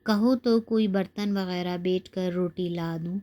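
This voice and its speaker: A woman voicing a poor, worried mother speaking gently to her son, in a storybook reading. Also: on the low side, steady tone, lightly acted. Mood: gentle.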